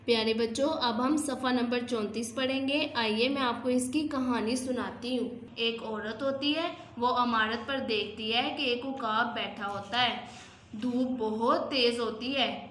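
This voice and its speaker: A woman with a Pakistani accent teaching young children to read, leading slow sing-song call-and-response drills. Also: a little high, a bit bright, echoey room, a little hiss or hum. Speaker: Urdu teacher.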